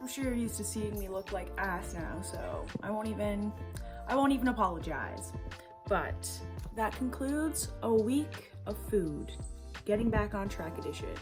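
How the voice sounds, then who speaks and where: A woman's voice: medium pitch, lively intonation, moderate pace. Chatty young woman over background music. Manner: chatty, self-deprecating, laughs often. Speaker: vlogger. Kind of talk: casual food vlog chat. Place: indoors at home.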